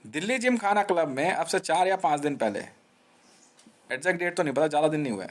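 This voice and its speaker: A man with a fairly high voice talks on and on in a rambling live monologue. He jabs at his listeners with taunting slang. He keeps circling back and repeating himself. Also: expressive, fast talker. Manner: restless, repeats himself and restarts. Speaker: live streamer.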